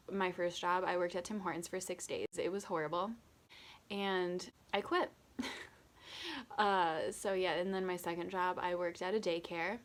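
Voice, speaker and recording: Tipsy sarcastic young woman vlogger. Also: on the low side. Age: 20s. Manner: sarcastic, self-mocking, rambling. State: tipsy from drinking. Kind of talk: casual get-to-know-me chat.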